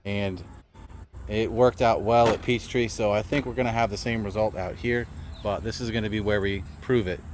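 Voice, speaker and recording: A man's voice: lowish voice, fairly even intonation, moderate pace, a little hiss or hum. A man casually explaining his setup to viewers in an outdoor hobby vlog. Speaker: RC crawler hobbyist host.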